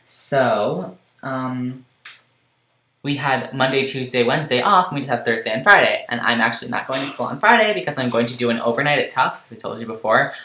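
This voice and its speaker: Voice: mid-range voice, brisk, pushed and bright, slight background noise. Rambling teen vlogger in a roomy echo. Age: late teens. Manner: rambling, filler-heavy, self-deprecating. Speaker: game vlogger. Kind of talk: casual rambling chat over gameplay.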